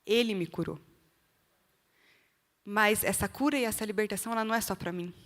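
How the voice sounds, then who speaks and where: A woman's voice: medium pitch, fairly quick, a bit bright. Earnest Brazilian woman preaching in a reverberant hall. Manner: earnest, direct appeals to the listener. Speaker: speaker giving a testimony at church. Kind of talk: sermon-style testimony. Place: church hall. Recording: long reverb of a church hall.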